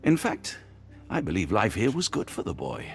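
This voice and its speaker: A man's voice: on the low side, wildly swooping pitch, normal speed, vocal fry, faint music behind, full character voice. A man playing an earnest, decent doctor, a detective's loyal companion, in courteous, formal video game dialogue. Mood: kindly, reassuring. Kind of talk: dramatic mystery game dialogue.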